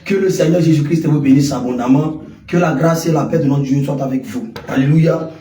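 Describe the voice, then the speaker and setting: A man's voice: on the high side, a little fast, warm tone, a little hiss or hum. A man preaching on a local radio station, declamatory, punctuating his teaching with alleluia. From Côte d'Ivoire. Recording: echoey room, voice a bit far from the mic.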